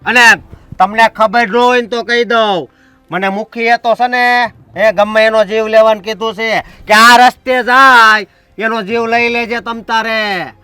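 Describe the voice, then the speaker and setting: A man's voice: sits high, fairly even intonation, a little slow, pushed and bright, clear, resonant tone, no echo, faint music behind. A man playing a stubborn village enforcer in a short film, bossy and threatening. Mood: stern. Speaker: village strongman blocking the road. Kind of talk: short film drama acting.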